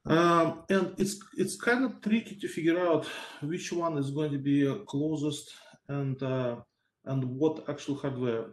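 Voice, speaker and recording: A man speaks as a panelist on a video call, his voice sitting a little high for a man. He thinks aloud, hedging with fillers. The room around him sounds echoey. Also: measured pace. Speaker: panelist researcher.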